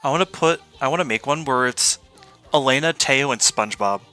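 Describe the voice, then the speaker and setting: Chatty, giggly streamer host; bright voice. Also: medium pitch, a little fast, faint music behind. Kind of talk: casual stream chat.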